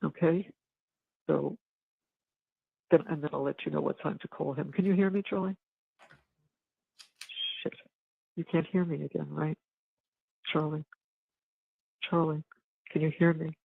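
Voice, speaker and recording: A woman's voice: sits low, steady tone, vocal fry, breathy edge, dry recording. An older woman talking hurriedly on a recorded jailhouse phone call, checking whether the line is still connected. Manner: hurried, talks over dropped line. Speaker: jail inmate on a call. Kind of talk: private phone conversation.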